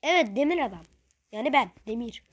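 A woman giving playful, excitable commentary on her gameplay and talking to viewers, her voice a little off from being unwell. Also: fairly high pitch, a little fast, breathy edge. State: slightly ill, voice a little changed. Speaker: gaming video creator.

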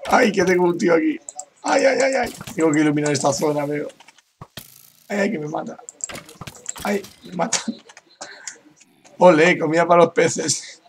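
A man's voice: a little high, normal speed, creaky, long pauses, a little hiss or hum. A man from giving casual gameplay commentary, laughing often and reading other players' messages aloud. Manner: laughs often, reads out chat with "dice". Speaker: gaming youtuber.

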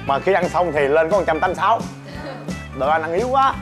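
Teasing the contestants and reading out tasks with playful flair, a thirtysomething man hosts a comic family game show in a big shop or showroom. He talks fast in a fairly high voice with lively intonation, over loud music.

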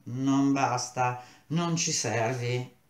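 A woman voicing a lazy, cold male gatekeeper called the Serpent, speaking slowly and dismissively. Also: rumbling low, echoey room, heavily acted. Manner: slow, languid, dismissive.

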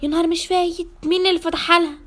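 A worried Egyptian woman presses for news at a hospital, voiced by a woman in a storybook role-play. Her voice is high and her questions come very fast. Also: level tone, fairly bright tone. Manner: anxious, pious exclamations.

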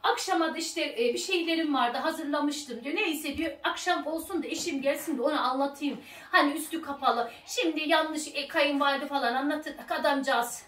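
A high-voiced woman chatting and retelling a story while she cooks, lively and bossy with her husband. The room rings, and she is some distance from the mic. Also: normal speed, roomy sound. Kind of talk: casual storytelling chat. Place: home kitchen while cooking.

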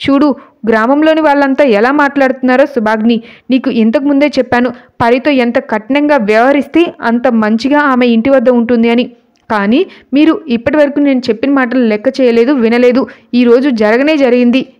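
A woman's voice: high-pitched, fairly even intonation, fairly quick, a little mellow, clean tone, highs cut off, natural voice. A woman doing a stern lecturing uncle.

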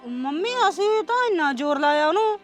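A woman playing a boastful sister-in-law who argues quickly in a family drama. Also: high voice, soft background music. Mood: bickering. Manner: bickering, animated.

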